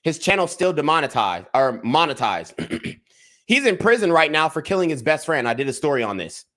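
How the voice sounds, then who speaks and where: A man's voice: fairly high pitch, sing-song, normal speed, fairly bright tone. A young man giving a heated commentary rant on a livestream, repeating himself and restarting as he gets worked up. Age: young adult. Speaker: YouTube commentator.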